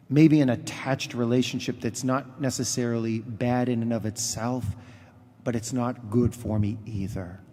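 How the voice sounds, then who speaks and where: Male priest for a homily: medium pitch, very unhurried, halting delivery, long church reverb. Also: dark tone. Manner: halting, pausing mid-sentence.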